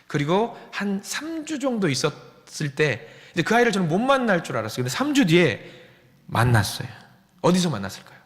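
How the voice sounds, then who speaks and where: A male pastor delivers a sermon in a fairly high, bright voice, asking the congregation questions and acting out dialogue as he tells a story. His pitch swings widely and the hall gives a long reverb. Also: wildly swooping pitch, a little fast. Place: church sanctuary.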